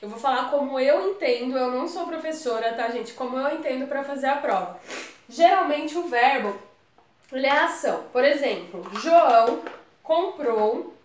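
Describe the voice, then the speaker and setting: A woman's voice: sits high, animated, normal speed, echoey room, a little hiss or hum. A woman with a Brazilian Portuguese accent explaining exam grammar in a chatty, casual lesson, often calling her viewers "gente". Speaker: exam prep tutor.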